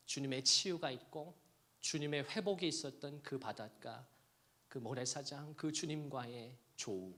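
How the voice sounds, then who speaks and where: A middle-aged man, a pastor preaching a sermon, swinging between hushed quotes and loud, emphatic passages. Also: on the high side.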